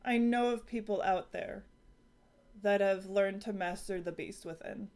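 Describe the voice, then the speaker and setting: A woman's voice: medium pitch, measured pace, darkish tone. A woman hosting and playing in a tabletop game, chatty and rambling, laughing often. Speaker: host and player. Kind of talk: casual chat in a tabletop game stream.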